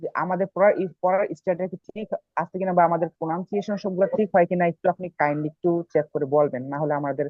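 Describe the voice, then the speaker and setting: A man's voice: sits high, steady tone, rapid-fire, no room sound. A male student politely reciting drill sentences, each followed by its translation, in an online class. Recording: tinny dry call audio.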